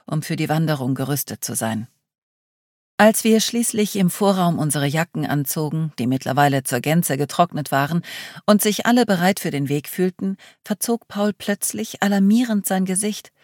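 A woman narrating a first-person novel in a steady, measured reading voice. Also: lowish voice, no room sound, studio quality. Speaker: audiobook narrator.

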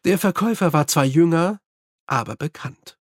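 A man narrating an audiobook in a steady storytelling manner. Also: fairly high pitch, moderate pace, dry recording, clean studio sound. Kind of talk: scripted narration.

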